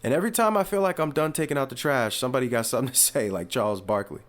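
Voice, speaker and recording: A man's voice: mid-range voice, racing. Rambling male sports commentary host. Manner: rambling, animated asides with shifting energy; uses fillers and restarts, talks casually.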